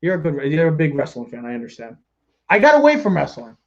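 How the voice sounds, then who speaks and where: A man hosting a casual sports podcast, excitable and joking, often getting loud. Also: fairly high pitch, fast. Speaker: podcast host. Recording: dull lo-fi sound.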